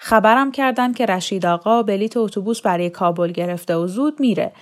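Storybook role: a formal, measured mullah, read by a woman at an ordinary middle pitch. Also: natural voice. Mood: businesslike. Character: formal middle-aged male mullah officiating.

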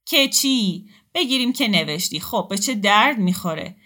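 A woman's voice: mid-range voice, animated, sharp tone, pitched above the performer's own voice. A woman voicing a drunk, bitter man who speaks in an agitated, confrontational way in an audiobook story reading.

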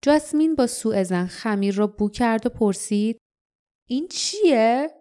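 A woman reading an audiobook aloud in a calm, even narration. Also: medium pitch. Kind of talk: scripted narration.

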